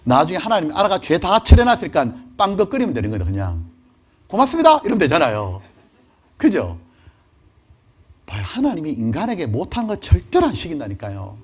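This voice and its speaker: A middle-aged male pastor giving a lively, conversational sermon and often putting questions to his congregation. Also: fairly high pitch, a little fast, husky.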